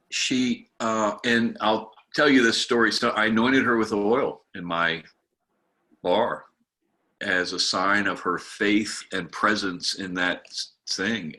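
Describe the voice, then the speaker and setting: A man with a low-ish but bright, forceful voice leads a workshop over a video call. He talks like a pastor swapping stories, candid and a little snarky, easing from anecdote into teaching. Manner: candid storyteller, a bit snarky. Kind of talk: conversational workshop talk with stories.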